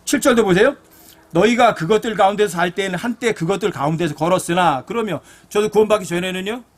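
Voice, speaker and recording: A man's voice: high-pitched, quick pace. A middle-aged man, a pastor, preaching a blunt, earnest sermon full of personal stories.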